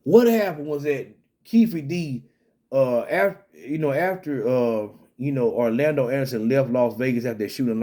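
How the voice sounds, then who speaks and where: A man's voice: medium pitch, dark tone. A man talking through a story in casual solo commentary, rambling with many restarts and fillers.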